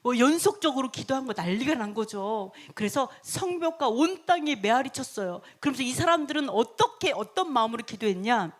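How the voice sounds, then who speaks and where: A woman's voice: high-pitched, expressive, brisk, hardly any pauses. A woman teaching a Bible story lesson, retelling it dramatically and laughing often as she goes.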